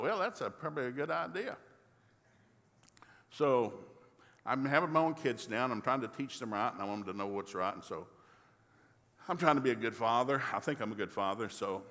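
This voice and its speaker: A middle-aged man preaching in a church, telling a folksy, humorous story and acting out the dialogue in lively voices. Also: medium pitch. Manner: folksy, animated, acts out dialogue. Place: church sanctuary. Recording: long reverb of a large hall.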